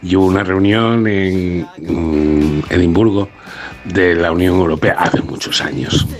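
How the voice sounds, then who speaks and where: A man calling in to a radio show, telling an anecdote in an unhurried way with pauses. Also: low-pitched. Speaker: caller.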